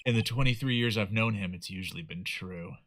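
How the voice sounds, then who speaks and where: A man voicing a nervous young male rookie lawyer, reading narration in a low, hushed, quick way. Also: noisy background, lightly acted.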